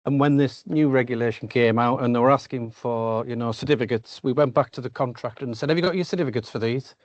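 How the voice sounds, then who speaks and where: A man's voice: mid-range voice, quick pace, no echo. Man, blunt informal meeting talk, video call, close dry slightly muffled audio.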